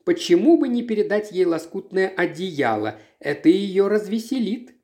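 Bitter farm wife in middle age, lively rising voice, read by the narrator. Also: medium pitch, moderate pace. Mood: eager. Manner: bitter, grave.

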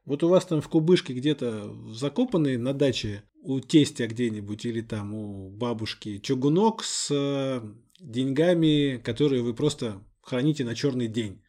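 Recorded on a close studio mic in a podcast studio, a male co-host chats casually, spinning little imagined scenes and acting out made-up remarks like a storyteller. His voice is mid-range and dark-toned, at a moderate pace.

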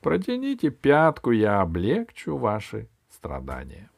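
A man's voice: lowish voice, huge pitch swings, unhurried, gravelly, no echo, clean studio sound, heavily acted. A man reading an audiobook voices a young girl who sounds eager and coaxing. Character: young girl Alice, brisk and kind. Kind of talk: audiobook character voice.

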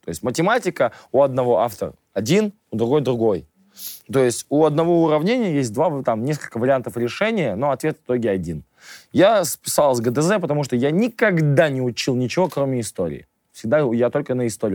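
A man's voice: medium pitch, big pitch swings, fast, a little mellow, no echo. A man guest in a radio studio interview, talking casually and emphatically, pushing his opinions hard. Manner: emphatic, opinionated, rants with rising force.

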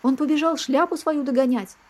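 A woman's voice: sits high, brisk, darkish tone, pitched above the performer's own voice, close to an everyday voice. A woman voicing a meek, honest male tramp who answers humbly in a storybook reading. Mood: pleading. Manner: humble, pleading replies.

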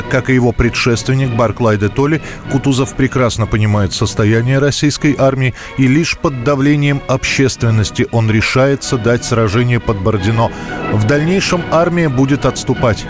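A man reading scripted history documentary narration with music playing behind him. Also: medium pitch. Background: background music.

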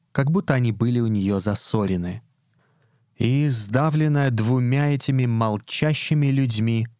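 A man giving a measured, solemn literary narration of a short story. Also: medium pitch, darkish tone, no room sound, clean studio sound. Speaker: reader.

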